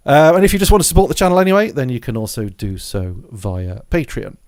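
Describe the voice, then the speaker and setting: A man's voice: medium pitch, fast, darkish tone, no echo, clean studio sound. A man presenting a music gear tutorial in a casual, rambling way, thinking aloud as he goes. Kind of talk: casual software and hardware walkthrough. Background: scratching noise from a dog in the background.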